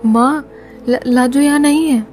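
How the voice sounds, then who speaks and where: A woman's voice: mid-range voice, moderate pace, mellow, faint music behind, natural voice. A woman voicing a stubborn, hot-tempered young village boy with a pleading manner. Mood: anxious. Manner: pleading, tearful and breathless at times.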